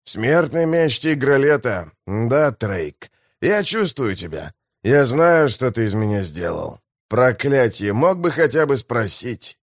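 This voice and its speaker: A man voicing a brooding male swordsman who mutters in a low, wry voice. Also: sing-song, slow, no echo, clean studio sound, full character voice.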